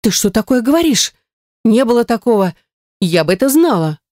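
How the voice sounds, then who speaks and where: A woman voicing a timid young friend who faints easily, with shrill panicky protests. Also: very animated, normal speed, darkish tone, no room sound, studio quality. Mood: indignant.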